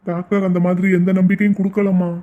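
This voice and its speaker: A calm, reasoning family man, played by a man talks people down with patient persuasion. His voice is fairly high and he keeps a brisk pace. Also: narrow, tinny audio, lightly acted. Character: calm reasoning father and older brother.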